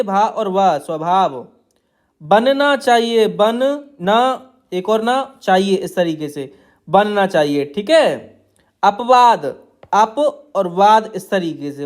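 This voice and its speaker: A man teaching shorthand outlines, explaining each stroke in a patient, repetitive way while drawing on a tablet. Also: sits high. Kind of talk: tutorial explaining steno outlines.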